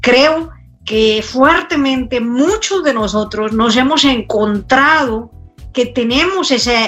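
A woman's voice: on the high side, a bit bright. A woman doctor, a guest in an interview, speaking thoughtfully with frequent hesitations. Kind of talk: conversational interview.

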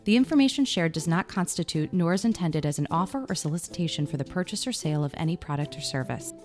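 Low-voiced woman reading a disclaimer. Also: faint music behind. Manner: even, measured read. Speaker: disclaimer announcer. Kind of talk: scripted legal disclaimer read.

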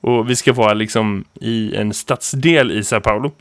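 A man in his thirties, a teacher co-hosting a podcast, who tells stories in a lively, rambling way full of fillers. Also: on the low side, no echo, clean studio sound. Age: 30s. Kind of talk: casual podcast chat.

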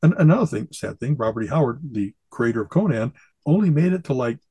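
A man's voice: mid-range voice, lively intonation, fast talker, dark tone, slightly rough, no echo. A man co-hosting a podcast in casual chat, enthusiastic and rambling, quoting catchphrases with relish. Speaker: podcast co-host.

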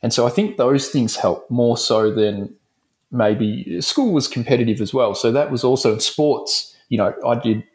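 A man's voice: medium pitch, moderate pace, a little mellow. An Australian man from Melbourne, a dentist guest speaking in a frank, rambling way in a casual interview.

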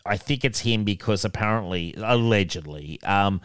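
A man with a lowish, somewhat bright, openly nasal voice reads listener emails aloud at normal speed as a podcast co-host. The recording is clean, dry, and close with no room sound. The chat is casual, and he chuckles often between remarks.

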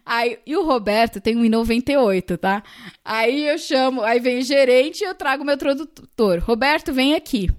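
A woman telling a travel story in casual chat, animated and dramatic, acting out what people said. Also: a little high, normal speed. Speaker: guest.

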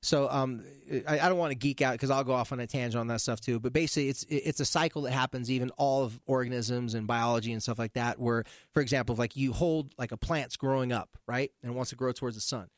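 A male therapist chatting casually, an animated storyteller who jumps between topics. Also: mid-range voice, fast talker, hardly any pauses, no room sound, studio quality. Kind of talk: casual podcast chat.

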